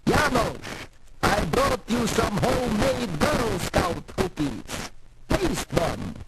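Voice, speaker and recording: A man's voice: sits high, very animated, slow pace, very noisy, exaggerated voice. A man playing a jolly, macabre vampire count with a courtly, theatrical manner on a 1960s comedy record. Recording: old record with loud music behind.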